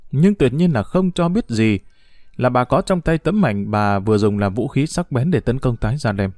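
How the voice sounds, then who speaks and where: A man's voice: mid-range voice, darkish tone, no room sound, studio quality. A man reading a crime novel aloud as an audiobook, shifting his voice for each character's dialogue. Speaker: narrator.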